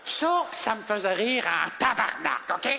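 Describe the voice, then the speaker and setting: A male stand-up comedian with a Québécois accent, telling stories at a comedy gala and acting out customers in high voices. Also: sing-song, unhurried, gravelly, bright, forceful tone. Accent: Québécois French. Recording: live hall reverb, faint noise.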